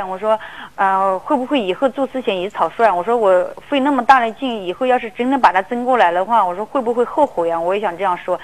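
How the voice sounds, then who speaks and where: A woman's voice: on the high side, low-quality recording. A woman calling an advice radio show, telling her story in a rambling, emotional way and often repeating herself. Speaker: caller.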